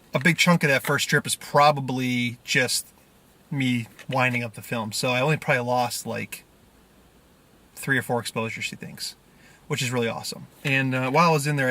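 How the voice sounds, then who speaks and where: A man's voice: medium pitch, pushed and bright. A man in his thirties chatting to camera as a vlogger inside a car, loose and rambling. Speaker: film photography vlogger. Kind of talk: casual chat to camera. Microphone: camera mic at arm's length.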